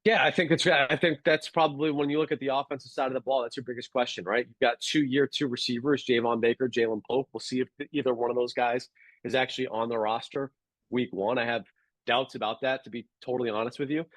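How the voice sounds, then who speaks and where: A man's voice: mid-range voice, level tone, fairly bright tone, no echo, low-quality recording. Analytical man, dry close sound. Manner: measured, analytical, many fillers and restarts. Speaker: guest sports radio producer. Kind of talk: casual sports podcast chat.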